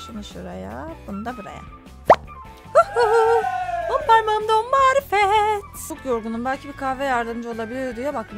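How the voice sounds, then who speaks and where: A young woman casually commenting while she plays a story game, talking with dramatic, teasing flair. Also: high voice. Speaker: gaming YouTuber. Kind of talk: let's play commentary.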